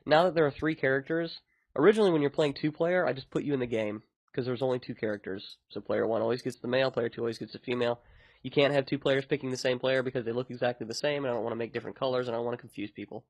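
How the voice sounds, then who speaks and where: A man's voice: medium pitch, racing, dry recording. A man hosting a podcast, talking in a casual, rambling way about his own work. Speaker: podcast host and indie game developer.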